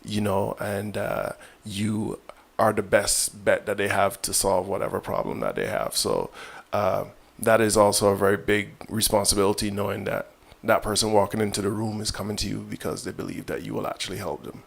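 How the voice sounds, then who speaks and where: A physician being interviewed answers in a measured, reflective way, with many fillers and restarts. His voice is on the low side, creaky, and slightly rough.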